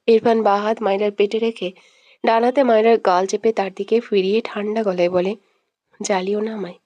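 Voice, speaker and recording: A woman's voice: a little high, warm tone, no room sound. A woman narrating a scripted romantic audio story, telling it steadily and acting out every role.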